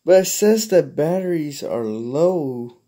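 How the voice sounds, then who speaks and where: Heavy background noise surrounds this man's slightly high, expressive voice as he slowly walks viewers through his collection. Rambling and hesitant, he often trails off, holding the phone or camera himself in a small carpeted bedroom.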